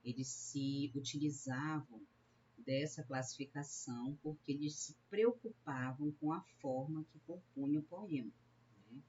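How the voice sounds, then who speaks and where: Woman teacher from Brazil, low-pitched, methodical lecturing with frequent "né?" checks. Slightly dull recording. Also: darkish tone, a little hiss or hum. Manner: explains step by step, often adds a questioning "né?"; sounds out syllables slowly when counting verse. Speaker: literature teacher.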